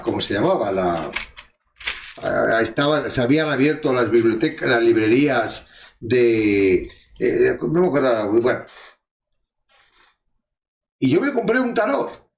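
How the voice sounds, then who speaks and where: A man leading a casual Bible study, telling stories in an animated way and acting out the voices of the people in them. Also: a little high. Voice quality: animated storytelling, acts out voices. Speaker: preacher. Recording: echoey room.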